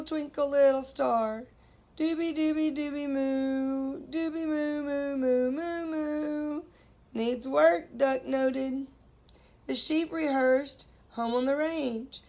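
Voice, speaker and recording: A woman's voice: sits high, creaky. A woman teacher reading a picture book aloud to children, stopping to ask them questions and playfully singing the animal noises.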